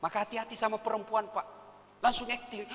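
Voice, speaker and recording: A man's voice: sits high, flat delivery, fast, a bit bright. A male preacher giving a comic sermon, joking and speaking directly to officials in the audience. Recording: echoey hall, faint noise.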